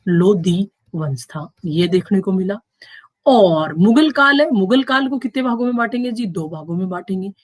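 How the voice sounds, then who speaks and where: A woman teacher giving an online exam-prep history lecture, quizzing her class with rhetorical questions, lifting her pitch on each question and slowing down to stress key terms. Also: no room sound.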